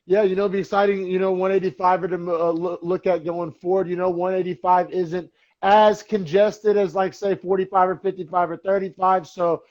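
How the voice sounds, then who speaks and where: A man's voice: sits high, level tone, moderate pace, a little mellow, muffled recording. A young man co-hosting a sports podcast, talking in a loose, rambling way with lots of fillers. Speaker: podcast co-host. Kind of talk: casual sports chat.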